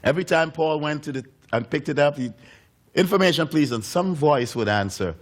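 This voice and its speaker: Animated male preacher telling a story. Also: on the high side, a little fast. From United States. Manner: animated storytelling, acting out voices, laughing. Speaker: pastor. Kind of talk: sermon with storytelling. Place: church.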